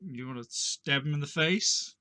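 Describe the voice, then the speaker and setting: A man joins in a text adventure as co-player. His voice is bright and forceful, a little high, and his talk is loose, casual gaming banter. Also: moderate pace.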